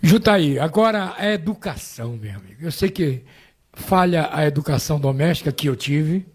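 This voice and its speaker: Radio host guy, kinda high voice, chatty, jumps in to agree. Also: animated, moderate pace, breathy edge. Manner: conversational, chiming in with agreement. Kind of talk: live radio interview.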